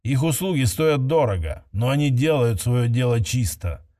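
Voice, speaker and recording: Male cyborg leader, read by a man, cold, quiet, slow, menacing, mellow voice, storybook figure. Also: medium pitch, lively intonation, lightly acted. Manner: level, quiet, slow and threatening.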